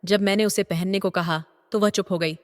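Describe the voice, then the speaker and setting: An older man narrating a story in a steady, even reading voice. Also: high-pitched, normal speed. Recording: long reverb.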